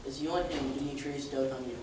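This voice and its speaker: A man's voice: mid-range voice, fairly even intonation, fast talker, background noise, close to an everyday voice. A man playing an earnest young lover in a stage play, reciting his verse from far off in an echoey hall.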